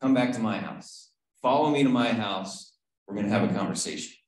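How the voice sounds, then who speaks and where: A man's voice: on the low side, fairly quick, darkish tone. A man teaching an online Bible study in a chatty way, often asking the group questions and checking in with "right?". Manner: conversational, asks the group questions, frequent "right?". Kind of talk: casual Bible study teaching on a video call. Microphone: video call. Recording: very echoey room.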